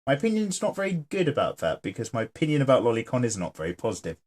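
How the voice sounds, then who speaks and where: A man hosting his channel sketches and jokes while reading viewer comments, talking rapid-fire in a mid-range, slightly mellow voice. His pitch swoops wildly.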